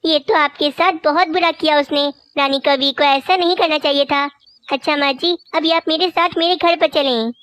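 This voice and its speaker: A woman's voice: sits high, fairly even intonation, moderate pace, a bit bright, no room sound. A woman voicing a kind female bird in a cartoon, concerned and caring. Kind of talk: cartoon voice acting.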